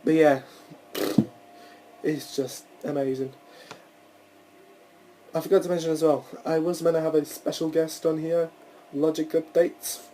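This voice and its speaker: Rambling young man with a mellow voice. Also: fairly high pitch, flat delivery, unhurried, long pauses, a little hiss or hum, poor audio. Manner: rambling, swears, restarts often. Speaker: podcast host. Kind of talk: casual solo podcast chat.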